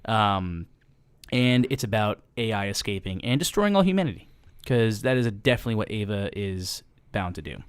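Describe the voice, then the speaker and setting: On a laid-back podcast, a co-host wanders through a movie's storyline, laughing easily and stumbling over frequent ums and restarts. His lowish voice is expressive, clear and resonant at a moderate pace, recorded dry.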